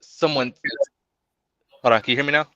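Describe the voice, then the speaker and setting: A man's voice: mid-range voice, fairly even intonation, moderate pace, bright, forceful tone, no room sound, dull audio. A man in casual chat on a remote call whose connection breaks up. He talks earnestly and keeps repeating and restarting his words. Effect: online call connection breaking up.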